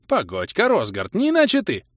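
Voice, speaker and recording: A man's voice: high voice, huge pitch swings, a little fast, no room sound, clean studio sound, voice pushed up, heavily acted. A man doing a folksy fawning village trader. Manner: folksy, wheedling, rustic speech.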